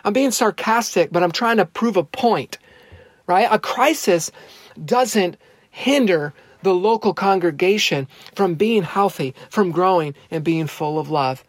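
A pastor preaches a sermon in an earnest, emphatic way, slowing down to stress key words and repeating phrases for effect. His voice is high-pitched, and the recording is dry.

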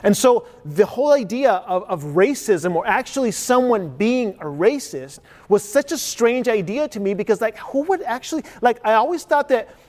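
A man's voice: extremely high pitch, animated, moderate pace, few pauses, darkish tone, long reverb tail. A man in his forties who grew up in Chile, preaching an earnest, conversational sermon full of rhetorical questions. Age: 40s. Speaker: pastor.

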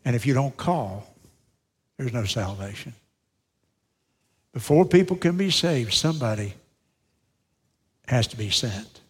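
A middle-aged male pastor preaching a sermon, swinging between loud, emphatic lines and hushed, slowed-down phrases. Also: mid-range voice, animated, slightly rough. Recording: long reverb of a large hall.

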